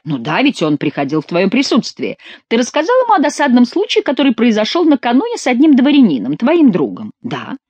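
A woman's voice: fairly high pitch, huge pitch swings, brisk, few pauses, darkish tone, husky, no echo, lo-fi sound, voice pushed up, full character voice. A woman voicing a sly, mocking Gascon jester who teases his king with mock familiarity.

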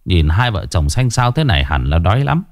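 A man voicing a middle-aged village ritual master, stern yet kind, speaking in a low, gruff tone. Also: very animated, a little fast, no room sound, clean studio sound. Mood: gentle firm.

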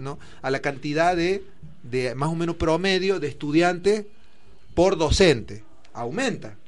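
Argentine man explaining school figures. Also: fairly high pitch. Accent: Argentine Spanish. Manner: explains with many figures and fillers, thinks aloud. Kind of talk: explanatory discussion.

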